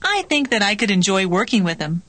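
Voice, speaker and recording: A woman reading scripted practice dialogues for a language lesson in a clear, measured way. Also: mid-range voice, sing-song, a bit bright, no echo.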